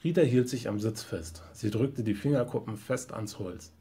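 A man, a trainee teacher, reading a short story aloud in a steady, even narration. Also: lowish voice, moderate pace, husky.

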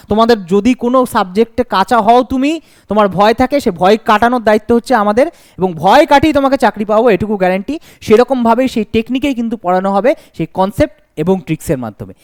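Guy teaching exam grammar, talks high and bouncy, keeps asking his own questions, dry sound. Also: lively intonation, quick pace, no echo. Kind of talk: exam-prep grammar lesson.

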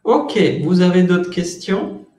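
Slow, patient male French teacher. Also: high voice, lively intonation, mellow, echoey room. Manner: slow, patient, repeats words to drill pronunciation; switches between Spanish and French, addresses students by name. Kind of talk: online language class, explaining French to Spanish speakers.

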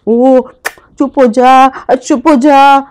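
A woman's voice: extremely high pitch, slow, pitched above the performer's own voice. A woman voicing a young schoolboy who fusses over and coos at his crying baby brother in a children's story. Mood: coaxing. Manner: coaxing, cooing to a crying baby.

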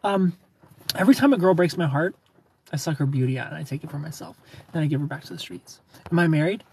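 A fast-talking man in his thirties with a high-leaning, creaky, slightly mellow voice, lively intonation, and a breathy edge chats playfully on a live stream. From a parked car at night lit by neon, he reads viewers' comments and laughs frequently into a phone held near.

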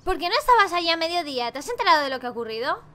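A young woman with a Spain Spanish accent gives a let's play commentary on a romance game. Her voice is very high and bright, and she swears playfully and jokes as she goes. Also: racing. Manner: animated and jokey, swears playfully, laughs often. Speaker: gaming YouTuber.

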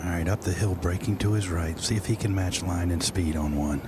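A man's voice: low voice, brisk. A man giving live golf commentary, reacting to shots as they unfold. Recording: clear outdoor background noise.

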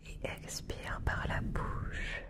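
A young adult woman guiding an ASMR hypnosis in a hushed whisper, soothing and instructing, close to the microphone. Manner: slow, soothing, instructing delivery. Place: small dim indoor room.

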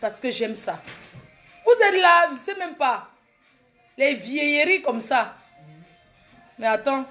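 A woman's voice: high voice, lively intonation, slow pace, long pauses, a bit bright, soft background music. A woman in her late thirties with a Cameroonian French accent, doing a brash, boastful comedy monologue that mocks her critics. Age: 30s. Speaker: comedic vlogger.

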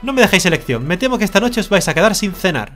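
A streamer from Spain voicing a strict, pompous male parrot who scolds the apprentices in a video game, with a lively voice. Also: medium pitch, rapid-fire, soft background music, voice pushed up. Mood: scolding. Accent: Spain Spanish. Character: bossy pompous male parrot guildmaster's aide.

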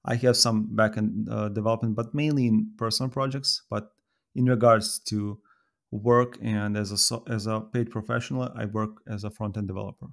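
A Serbian-accented software developer in his thirties appears as a guest on a casual podcast, speaking thoughtfully with many fillers, pauses, and restarts. His lowish, creaky voice stays flat and even.

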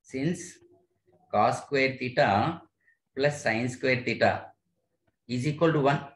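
A man with an Indian accent leads an online physics lesson, unpacking a derivation step by step and asking short questions to make sure he's followed. His mid-range voice has a fairly bright tone and a slow pace. The audio carries a roomy echo.

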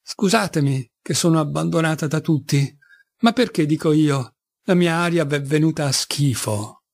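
A man's voice: a little high, normal speed, gravelly. A man doing a rambling, pitiful half-mad mother. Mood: plaintive. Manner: rambling, pleading, self-pitying. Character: feeble-minded crippled mother, middle-aged, plaintive. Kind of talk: audiobook reading.

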